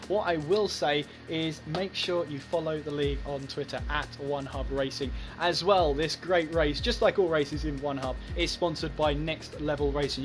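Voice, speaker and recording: A man hosting esports race commentary, talking in a chatty, breathless way with frequent fillers. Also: a little high. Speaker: lead commentator and host.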